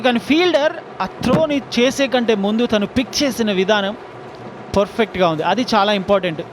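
A man with a South Indian Telugu accent giving excited cricket commentary with admiring, exclamatory calls. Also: extremely high pitch. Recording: outdoor ground noise behind commentary.

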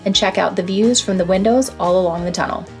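A woman narrating a travel vlog in a calm, informative, scripted voice-over. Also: medium pitch, fairly quick, soft background music. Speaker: travel vlogger narrating a road trip.

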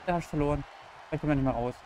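Excitable woman commenting on gameplay. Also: deep voice, rapid-fire, slight background noise, low-quality recording. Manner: excitable, cheering at the game; blunt, swears freely. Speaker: gaming YouTuber.

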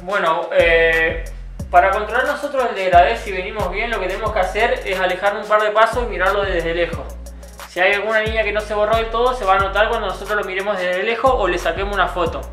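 In a small barbershop, a young barber instructor calmly narrates a haircut tutorial step by step, patiently repeating steps. His voice sits high and moves fast. The sound is roomy, with background music and the buzz of clippers behind him.

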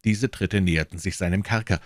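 A man reading a classic novel aloud as an audiobook, with expressive narration. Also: sits low, brisk, no room sound, clean studio sound. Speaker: audiobook reader.

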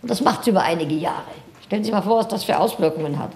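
A woman in her sixties giving a seminar lecture, retelling a story in a lively, animated way with asides to her audience. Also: medium pitch, rapid-fire. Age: 60s. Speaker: seminar speaker. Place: seminar hall. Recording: roomy seminar hall.

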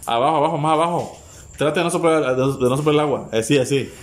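A man hosting party games at home, urgently cheering players on with rapid, repeated urging and laughter. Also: fairly high pitch. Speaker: host running family party games. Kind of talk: excited play-by-play commentary. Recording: noisy home recording.

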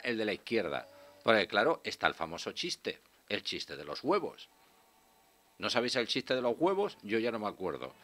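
A man in his sixties hosting a radio show, delivering a sardonic, swearing comic monologue and bantering with a guest in a small studio. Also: mid-range voice. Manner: sardonic, animated, swears freely. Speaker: radio host. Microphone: studio mic with headphones.

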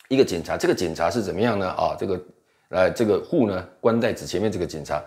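Low-voiced man teaching English vocabulary. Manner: explains in Mandarin, reads English slowly and spells words out. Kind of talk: vocabulary lesson.

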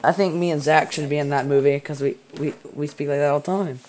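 A teenage boy streaming a video game, chatting in a rambling, excitable way with a friend and his chat. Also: fairly high pitch, fast talker. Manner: excitable, rambling gamer banter. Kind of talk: casual gaming stream chat. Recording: noisy home gaming stream.

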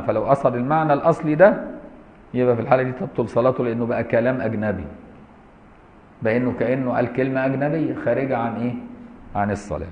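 A man with an Egyptian accent teaching Islamic law to a class, reading a text and adding colloquial, mocking asides. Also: medium pitch. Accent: Egyptian Arabic. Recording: roomy lo-fi lecture hall recording.

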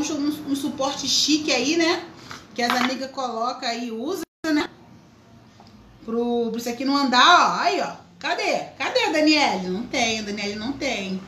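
Female craft host, high and bright, chatty, in an echoey room. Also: slight background noise. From Brazil. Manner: chatty, greets viewers by name. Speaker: craft teacher, live stream host. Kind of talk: live craft tutorial.

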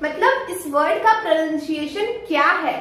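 A woman with an Indian accent teaching English pronunciation, saying example sentences slowly and asking her viewers to repeat the words. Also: high-pitched, fairly bright tone. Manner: slow, drawn-out example sentences with repeated quiz questions. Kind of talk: pronunciation lesson. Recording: very echoey room, faint noise.

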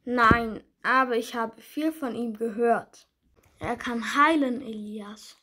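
A woman's voice: a little high, slow, bright, forceful tone, full character voice. A woman voicing a humble, hopeful blind beggar man in a children's church story drama, speaking earnestly.

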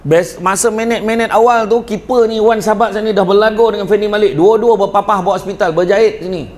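Lively middle-aged preacher with a Negeri Sembilan accent. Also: male voice, fast. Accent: Negeri Sembilan Malay. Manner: animated storytelling with jokes and sudden drops to a low, earnest tone. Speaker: religious lecturer. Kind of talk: humorous religious lecture to parents and teachers. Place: school event before a live audience.

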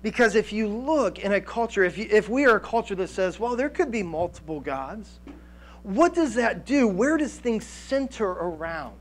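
Animated higher-voiced preacher man. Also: moderate pace. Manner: animated, gesturing, many restarts and fillers. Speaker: pastor. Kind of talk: sermon. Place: church stage with band gear, indoors.

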